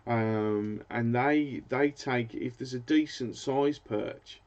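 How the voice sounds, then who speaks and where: Here a British fishing host talks in a mid-range, darkish voice while live streaming. His chat is casual and meandering, full of hesitation as he hunts for words, and the sound quality is dull and lo-fi.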